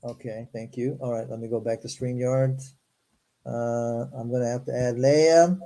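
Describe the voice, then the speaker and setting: A man's voice: mid-range voice, steady tone, normal speed, dark tone. A male host reading scripture aloud and breaking in with sarcastic, skeptical asides.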